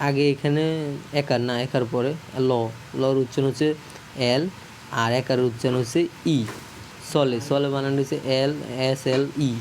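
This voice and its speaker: Brief: man teaching a casual video lesson, middle pitch, halting, self-correcting, faint noise behind. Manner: repeats checks for understanding.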